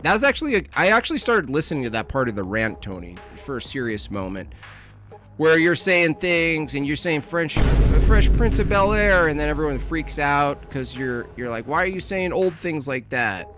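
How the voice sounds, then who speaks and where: A man's voice: on the high side, very animated, normal speed, a bit bright, soft background music. A man co-hosting a podcast in loose, teasing banter, rambling and laughing at his own jokes. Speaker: podcast co-host. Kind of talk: casual banter.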